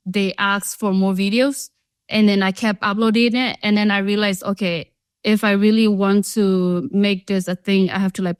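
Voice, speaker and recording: A young Thai woman who founded a social enterprise tells her story as an interview guest, earnest and chatty and full of "you know" and "like." Her medium-pitched voice is smooth, recorded with studio quality and no room sound.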